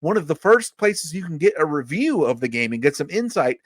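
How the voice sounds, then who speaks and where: Fast-talking excitable male podcast host. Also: a little high, background noise. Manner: fast, excitable, swears freely. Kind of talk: casual podcast chat.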